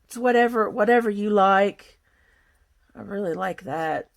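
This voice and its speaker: Chatty Kentucky woman, Southern drawl, mid-pitched, rambling craft-table talk at home. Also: measured pace, creaky. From Kentucky, USA. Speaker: craft vlogger. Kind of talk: casual crafting tutorial chat.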